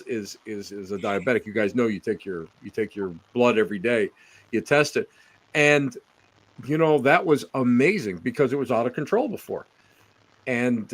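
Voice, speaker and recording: An older man from Western New York chatting casually on a podcast, animated and teasing, often laughing. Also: mid-range voice. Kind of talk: casual chat.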